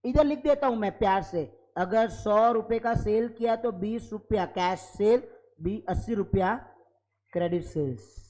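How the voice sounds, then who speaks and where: A man teaching an accounting class live in a classroom, lively and constantly prompting students for yes or no. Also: high-pitched, a little slow, poor audio. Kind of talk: classroom lecture.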